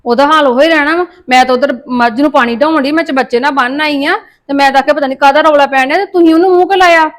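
A woman plays a brisk young village daughter with a Punjabi accent. She talks fast in a very high voice, and she sounds impatient and dismissive. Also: natural voice. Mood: irritable. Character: brisk, irritable young daughter busy with farm chores.

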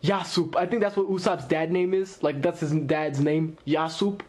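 A man giving casual live reaction commentary on an anime episode, excitable and rambling, with lots of "like" and "you know". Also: on the high side, normal speed. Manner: excitable, rambling with many fillers. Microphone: wearing earphones while recording.

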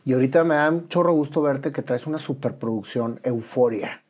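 A woman hosting an interview, chatting enthusiastically with quick interjections. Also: a bass voice, a little mellow, slightly rough. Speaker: interview host. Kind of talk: casual interview chat.

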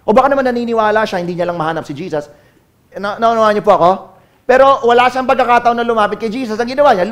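A man from the Philippines preaching a sermon as pastor, mixing English into his talk and calling on the congregation to answer. He swings between loud calls and low, quiet asides.

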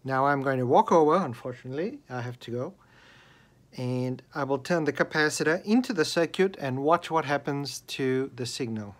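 Holding a handheld camera, an Australian man with a medium-pitched voice demonstrates the antenna he built. The radio enthusiast talks casually but deliberately, explaining hands-on from inside his bedroom for a video.

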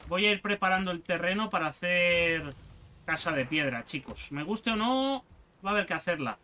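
A man giving casual gameplay commentary, excitable and sarcastic, swearing often. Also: high-pitched, normal speed, a little hiss or hum. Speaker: gaming youtuber.

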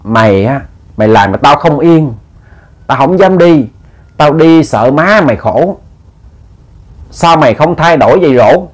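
A man's voice: a little high, expressive, unhurried, long pauses. A man voicing the ghost of a stern old father who scolds his son. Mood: scolding.

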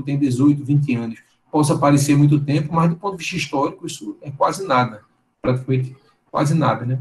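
A man's voice: fairly high pitch, a little mellow, roomy sound, low-quality recording. A Brazilian man in his thirties giving an online lecture over slides on a video call, talking in a conversational way with many fillers and tag questions. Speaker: guest lecturer. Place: indoor room. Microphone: webcam on a video call.

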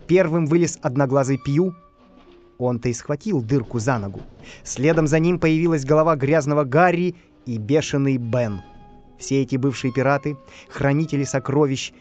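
A man reading a bedtime story aloud in an expressive, lively way. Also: a little high. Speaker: narrator.

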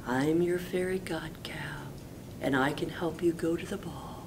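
A woman reading a storybook, voicing a gentle magical cow in a soft, breathy hush. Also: sits low, unhurried, background noise. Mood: gentle, mysterious. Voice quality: breathy, hushed.

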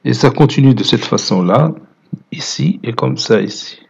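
Moroccan guy teaching math, husky voice, walks through the graph bit by bit. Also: mid-range voice, normal speed, highs cut off. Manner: explains step by step, mixing French with Moroccan Arabic. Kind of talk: lecture.

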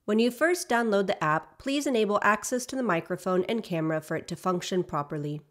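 Woman narrating a scripted software tutorial. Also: medium pitch, expressive, brisk. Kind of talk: scripted narration, instructional app demo.

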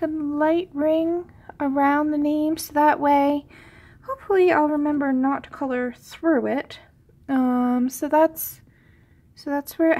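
A coloring tutorial host chats casually through a drawing lesson while fighting a head cold, sounding a bit sniffly. She rambles with lots of ums and sometimes drops to a whisper. Her voice is high and gravelly with a dark tone.

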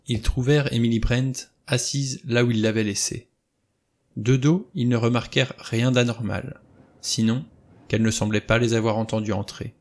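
A man reading a novel aloud in steady, plain storytelling narration. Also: medium pitch, normal speed. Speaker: audiobook reader. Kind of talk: scripted narration.

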